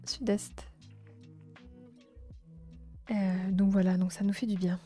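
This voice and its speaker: Soft-spoken southern French woman streaming. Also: mid-range voice, little pitch movement, fairly quick, soft background music. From south-east France. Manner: gentle, chatty, many fillers and restarts. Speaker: livestream host. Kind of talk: casual live-stream chat, reading chat.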